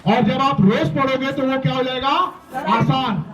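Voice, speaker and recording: Male motivational speaker, high voice, coaching students to chant back, muffled sound with a crowd behind. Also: steady tone, normal speed, a bit bright. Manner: emphatic, prompts the crowd to repeat after him. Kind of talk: motivational talk with call-and-response. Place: school gathering with many students. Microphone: handheld or stage mic. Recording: echoey, distant, dull sound with crowd.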